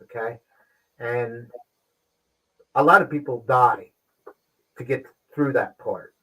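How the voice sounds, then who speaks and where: A man hosting a casual livestream show, talking with frequent pauses and restarts. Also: medium pitch, sharp tone, husky, low-quality recording. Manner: halting, pauses and restarts often. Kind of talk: casual live-stream talk.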